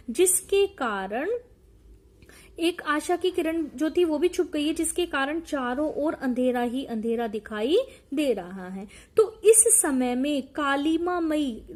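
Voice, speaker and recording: A woman teacher explaining a poem line by line, reciting each verse with emphasis before slowly explaining its meaning. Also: high voice, darkish tone. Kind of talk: explaining a Hindi poem to students.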